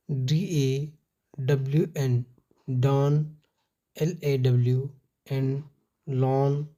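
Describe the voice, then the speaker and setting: Woman, phonics teacher; low, very dark voice, spells out each word slowly. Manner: spells letters one by one, then says the word. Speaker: English pronunciation teacher. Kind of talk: slow spelled-out phonics lesson.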